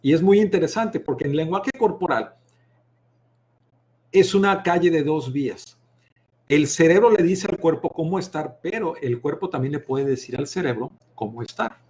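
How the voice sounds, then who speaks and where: Mexican male speaking coach, middle-aged, slightly high voice, expressive, shifts volume and pace to demonstrate. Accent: Mexican Spanish. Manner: deliberately varies volume, pitch and pace to demonstrate vocal technique; expressive, addresses viewers directly. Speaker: public speaking instructor. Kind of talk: live online masterclass.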